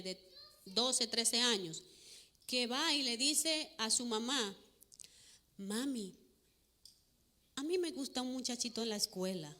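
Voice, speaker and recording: A woman giving a church parenting talk to a live audience, preachy, asking questions and answering them herself, acting out quoted voices much higher. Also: sharp tone. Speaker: parenting speaker.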